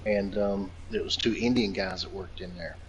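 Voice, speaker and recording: A man's voice: deep voice, steady tone, normal speed, lo-fi sound, crowd noise. Profane rambling storyteller, man from Virginia. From Virginia, United States. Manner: profane, rambling anecdotes, laughs a lot. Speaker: storyteller in casual chat. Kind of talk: casual chat.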